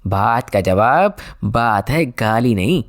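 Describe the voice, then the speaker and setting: A man voicing a pompous village record-keeper in an audiobook, speaking in a measured way. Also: mid-range voice, expressive, pitched below the performer's own voice. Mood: reproving.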